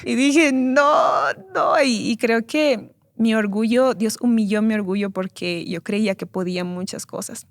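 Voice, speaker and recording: A young woman giving an earnest, emotional personal testimony as an interview guest, speaking haltingly and often repeating words. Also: medium pitch, steady tone, a little mellow, no echo, studio quality. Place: church recording studio.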